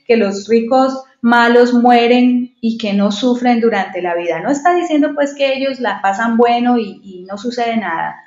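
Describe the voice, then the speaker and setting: A woman's voice: on the high side, a little mellow. A woman giving a devotional Bible study, reading verses and explaining them with many rhetorical questions. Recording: echoey, dull lo-fi recording.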